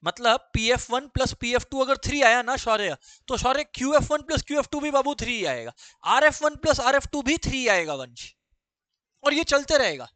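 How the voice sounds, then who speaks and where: A man's voice: very high voice, expressive, moderate pace, sharp tone, no room sound. A man teaching a maths lesson to students, repeating key phrases and firing questions at the class.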